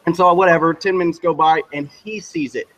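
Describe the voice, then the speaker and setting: A man chatting on a livestream, telling a story in an excitable, profane way. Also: a little high, a little fast, poor audio. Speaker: guest on a livestream. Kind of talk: casual chat, storytelling.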